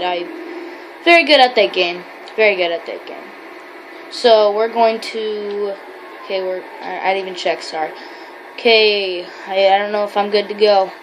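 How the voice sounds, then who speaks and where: A woman's voice: medium pitch, a little hiss or hum, rough recording. A woman giving rambling, chatty gameplay commentary while role-playing as a trucker, with many fillers and self-corrections. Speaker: gamer.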